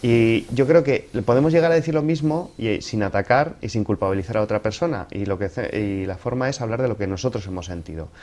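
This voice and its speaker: A man's voice: lowish voice, fast, few pauses, darkish tone. A man from giving relationship advice in an interview, explaining things didactically through examples.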